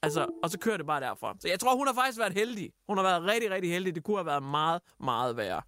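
Livlig mand med høj stemme. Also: male voice, sits high, noisy background. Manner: animated storyteller, acts out quotes, many fillers. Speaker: radio host. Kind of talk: casual chat, retelling news stories.

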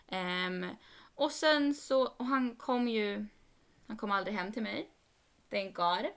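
A woman's voice: mid-range voice, vocal fry, smooth. A young woman co-hosting a podcast, telling a story in casual chat and quoting people with rising emphasis. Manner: animated, quoting others with "jag bara" and rising emphasis. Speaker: podcast co-host.

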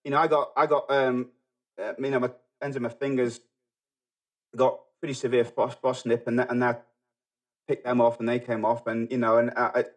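A middle-aged man from England with a Manchester accent, talking as a podcast guest in a halting way, full of fillers and restarts. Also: mid-range voice, little pitch movement. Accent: Manchester English. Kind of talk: casual podcast conversation.

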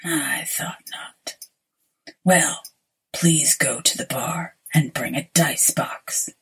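Give me a woman playing a sinister pale man in a storybook, whispering low and slow, very husky. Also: heavily acted. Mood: cold whisper. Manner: hushed whisper, slow and deliberate. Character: pale sinister male stranger, cold, whispering.

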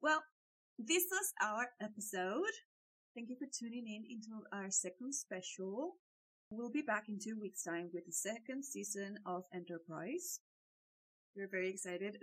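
A woman's voice: mid-range voice, fairly bright tone, poor audio. A woman co-hosting a podcast, wrapping up the episode in a breezy, chatty way with fillers and self-corrections. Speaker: podcast co-host. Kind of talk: casual chat, signing off the episode.

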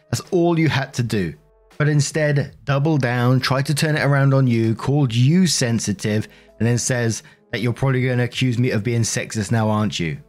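A man reads forum posts aloud at an even, middle pitch. Between posts he gives blunt opinions in his own words. Faint music plays behind him. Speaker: story narrator. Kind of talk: reading Reddit stories with commentary.

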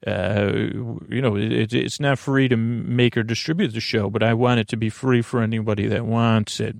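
Meant to lull listeners to sleep, this rambling bedtime podcast monologue comes from a male host whose voice is creaky, gravelly and on the low side, with a steady tone. He stammers, halts and loops back on his words as he meanders, and the clean studio sound has no room sound.

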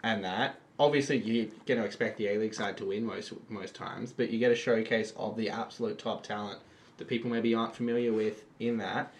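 A man's voice: on the low side, fairly even intonation, fairly quick. An Australian man arguing casually as a panellist on a podcast. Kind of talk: casual debate.

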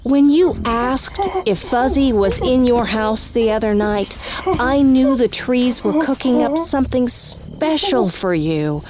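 An actress playing an eerie, knowing woodland neighbor in a horror audio drama, cryptic, unhurried and smugly untroubled. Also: female voice, on the high side, expressive. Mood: knowing, sinister.

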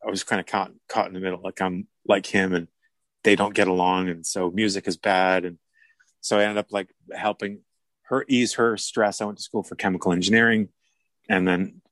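A lower-voiced man talks loosely in an interview, circling back and restarting his thoughts as he goes. He laughs easily and sounds at ease. The recording is dry and close, with no room sound at all. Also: level tone, normal speed, a bit bright, dry recording. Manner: rambling, self-correcting, laughs easily. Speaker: music producer and artist mentor. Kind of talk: casual interview talk.

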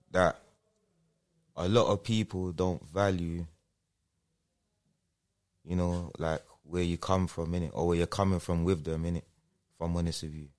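A man with a London roadman accent talks in a fairly low voice as an interview guest. His style is casual street slang. He keeps adding little tags to check the listener follows. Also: a little mellow. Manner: repeats checking tag phrases.

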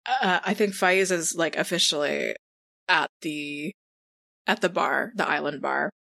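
A woman's voice: sits low, unhurried, gravelly, bright, forceful tone, dry recording. A woman playing a tabletop role-playing game, chatting casually and with amusement. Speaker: tabletop role-play player.

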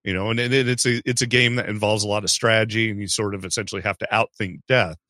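A man with a bright, forceful voice talks through a film's plot on a casual podcast, explaining things at length with little asides. The sound is dry and close, with no room around it. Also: fairly low pitch, fairly even intonation, fast talker, no room sound. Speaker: podcast co-host. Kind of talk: casual movie discussion.

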